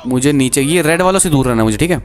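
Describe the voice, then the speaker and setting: A man giving chatty, excitable gameplay commentary as a gaming streamer, talking to his viewers. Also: on the high side, rapid-fire, a little hiss or hum.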